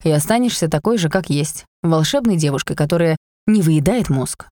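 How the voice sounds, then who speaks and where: A woman voicing a stern, impatient male battle mage with a gruff, clipped way of talking. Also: low-pitched, expressive, moderate pace, warm tone, dry recording, clean studio sound, voice pushed down. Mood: firm.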